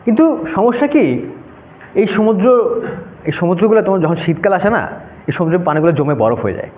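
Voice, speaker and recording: With a high, animated voice and fast delivery, a young man teaching a debate workshop lectures informally over a map, frequently asking "okay?". The recording has a narrow, phone-like quality in an echoey room.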